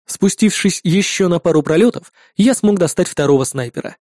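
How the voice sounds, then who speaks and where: A man reading first-person audiobook narration in a gruff, sardonic manner. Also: high-pitched, lively intonation, a little fast, darkish tone, no echo, studio quality.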